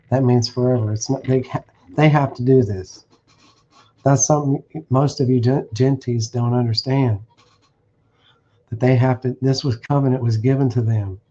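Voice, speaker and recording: This streamed scripture teaching features a man with a mellow, medium-pitched voice who preaches bluntly, warns listeners, and reads verses aloud, restarting as he goes. The streaming setup cuts off the high frequencies.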